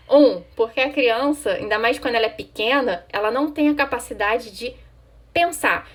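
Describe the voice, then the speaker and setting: High-voiced woman psychologist. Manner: conversational, frequent "tá?" check-ins; answers viewer questions directly. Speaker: child psychologist. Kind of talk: advice talk to parents.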